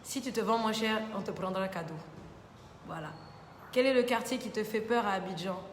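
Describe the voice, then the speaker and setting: A woman's voice: mid-range voice, moderate pace. A young adult woman, a TV columnist hosting a casual live Q&A, chatting informally and often filling with repeated little interjections. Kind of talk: casual live Q&A reading viewer comments. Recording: roomy studio reverb, faint background noise.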